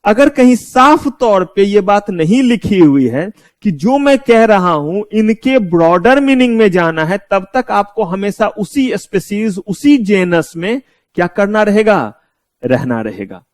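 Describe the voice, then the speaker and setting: A man's voice: high voice, very animated, measured pace, no echo. A man with an Indian accent giving a law lecture, asking his students rhetorical questions and mixing English terms into his explanations. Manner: mixes English terms into Hindi. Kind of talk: classroom lecture.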